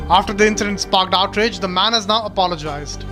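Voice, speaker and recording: Male news voice-over, high register, scripted read over a strong music bed. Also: fairly quick. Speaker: news narrator.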